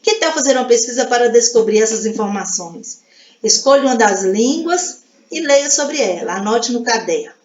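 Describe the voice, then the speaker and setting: A woman's voice: a little high, animated, dull audio. A woman from Brazil with a Minas Gerais accent, a Portuguese teacher going through exercises in a recorded class, patiently spelling out syllables one by one. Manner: patient, spells out syllables slowly, uses diminutives. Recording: echoey room.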